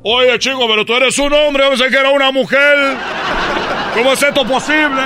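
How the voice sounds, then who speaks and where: A man's voice: extremely high pitch, fairly even intonation, normal speed, music in the background. A man voicing a flustered male caller who keeps saying "oye, chico", in a comedy parody skit. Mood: shocked. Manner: sing-song, exclaiming "oye, chico".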